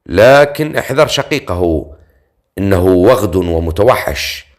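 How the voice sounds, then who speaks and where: A man voicing a proud female ghoul princess in an audiobook, giving quick, anxious warnings. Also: lowish voice, lively intonation, close to an everyday voice. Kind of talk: audiobook character reading.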